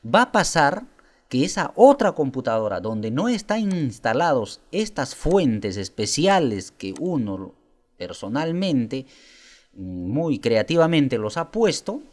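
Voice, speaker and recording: A man presenting a software tutorial, explaining step by step and asking viewers rhetorical questions. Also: mid-range voice. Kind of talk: screen-recorded software tutorial.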